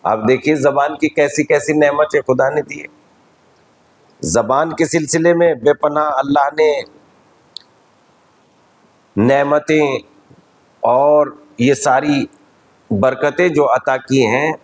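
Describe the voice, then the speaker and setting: A man with an Indian Urdu accent, a cleric giving a measured, teacherly religious lecture at a majlis. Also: fairly high pitch, steady tone, poor audio.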